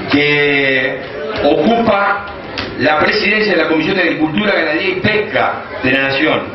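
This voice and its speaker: Argentine man on an echoing loudspeaker. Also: sits high. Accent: Argentine Spanish. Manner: measured, slow phrase-by-phrase delivery. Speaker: expo organizer giving opening speech. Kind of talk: formal ceremonial speech. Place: outdoor livestock expo grounds with grandstand. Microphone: loudspeaker PA picked up by a distant camera. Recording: echoey loudspeaker sound from far off, dull, crowd noise.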